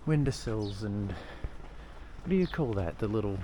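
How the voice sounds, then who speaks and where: A man's voice: on the low side, lively intonation, unhurried. A young Australian man vlogging as he walks through old-town streets, holding the camera and rambling casually with the odd swear. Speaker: travel vlogger. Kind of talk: casual rambling walk-and-talk. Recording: clear street and traffic noise.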